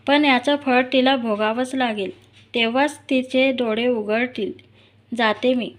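A woman's voice: on the high side, steady tone, measured pace, close to an everyday voice. Woman voicing a bitter old beggar woman. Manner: scolding, bitter. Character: angry poor old woman with a stick.

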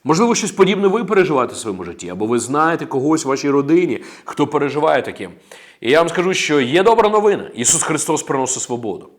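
A man's voice: a little high, sing-song, fast talker. Emphatic man preaching a sermon. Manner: emphatic, declaring, with amens and praise interjections. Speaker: pastor.

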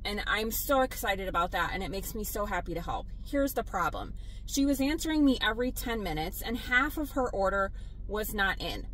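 A woman, a delivery driver vlogging from her car, blunt and animated as she tells her stories. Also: mid-range voice, moderate pace, slight background noise, rough recording. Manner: exasperated, blunt, animated storytelling. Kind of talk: casual vlog venting to viewers.

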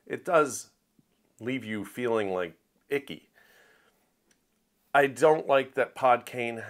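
This book review show host has a mid-range, slightly bright voice. His monologue is casual and opinionated, turning emphatic as he makes his points.

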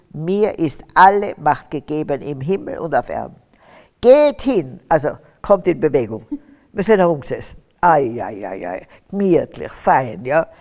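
This older woman from Austria speaks in a lowish, darkish voice as she recounts her faith story on stage. As the guest in a testimony interview, she preaches fervently, building to emphatic bursts. The large hall with curtains gives the recording a reverberant sound.

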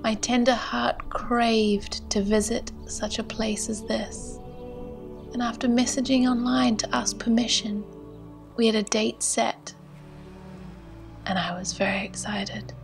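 A Canadian woman narrating a travel vlog in a gentle, hushed voice that sometimes drops to a whisper, and reading poetry aloud. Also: fairly high pitch, steady tone, takes it slowly, gravelly, music in the background. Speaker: vlogger. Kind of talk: soft-spoken voice-over narration and poetry reading.

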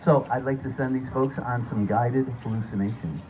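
A man's voice: medium pitch, normal speed, darkish tone. A man hosting a live stage hypnosis show, giving short, repetitive, directive commands and showman patter to participants and audience. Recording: noisy, muffled live stage recording.

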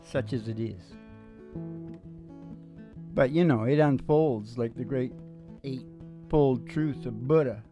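An older man hosts a music show, chatting between songs in a rambling, opinionated, casual way full of crude humor, speaking close to a microphone. His voice is warm and medium-pitched, slow, with frequent pauses. He sits in a small, dim, curtained room at a close vocal mic on a stand, with acoustic guitar in the background.

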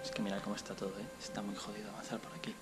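A young man with a Spain Spanish accent, narrating as he carefully explores an abandoned building, often talking low and cautiously. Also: monotone, racing, loud music behind the voice. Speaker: urban explorer vlogger. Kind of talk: casual vlog narration. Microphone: action camera.

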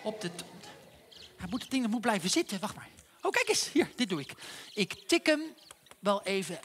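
An actor playing a cheerful, naive, childlike clown on stage, chatting playfully with the children in the audience. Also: male voice, high voice, big pitch swings, normal speed, a bit bright, a little hiss or hum. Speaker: stage comedian. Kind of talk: live children's theatre comedy. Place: theatre stage.

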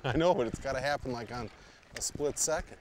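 A man's voice: mid-range voice, fairly quick. A man fishing as a guest, chatting casually and asking questions on a boat on a river. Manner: exclamatory, curious. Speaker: guest angler. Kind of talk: casual on-the-water chat. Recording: outdoor boat audio, faint noise.

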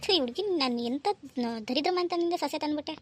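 A woman voicing a harsh, scornful mother-in-law who scolds loudly in a cartoon story. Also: high-pitched, fast, noisy background, lightly acted. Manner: sharp, scornful, loud scolding.

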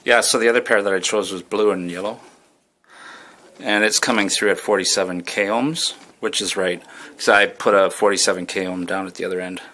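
Deep-voiced and fairly quick, this apprentice fire alarm technician speaks with fairly even intonation and a pushed, bright tone. He gives casual, plain-spoken vlog commentary while working at wall panels and ceiling space inside a building, with noticeable background noise on the handheld camera.

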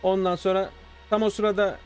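A man streaming live, telling a story casually to his chat, animated and swearing freely. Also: high voice, normal speed, soft background music. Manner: animated, swears freely, acts out quoted dialogue.

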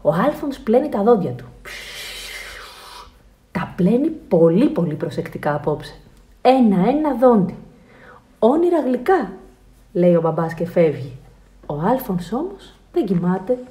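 A woman reading a children's picture book aloud with expressive storytelling. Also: medium pitch. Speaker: children's book reader and translator.

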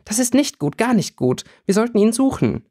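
A man voicing an anxious teenage schoolgirl in an audiobook reading, pitching his voice up. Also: sing-song, moderate pace, dark tone. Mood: worried. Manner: anxious, urgent.

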